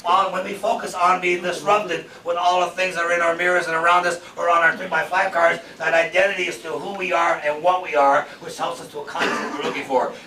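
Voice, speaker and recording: High, bright-voiced man in his fifties. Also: level tone, fairly quick, few pauses. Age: 50s. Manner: emphatic, repetitive, rhetorical questions. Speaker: seminar speaker. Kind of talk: motivational seminar talk. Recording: roomy, from far off, faint background noise.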